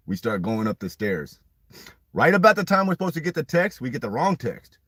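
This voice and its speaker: A young man casually telling a long story in a rambling, profane, animated way. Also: medium pitch, a little fast, husky, no room sound. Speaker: podcast storyteller.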